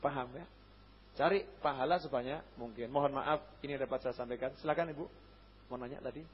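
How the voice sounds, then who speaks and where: A man giving a jokey religious lecture to a congregation, swinging between loud urging and quiet asides. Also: medium pitch, a little fast, a little hiss or hum. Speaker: preacher. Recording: dull lo-fi hall recording.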